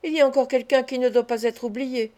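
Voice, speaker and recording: A woman reading an audiobook, voicing an older gentleman who speaks brusquely. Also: sits high, steady tone, fast, natural voice.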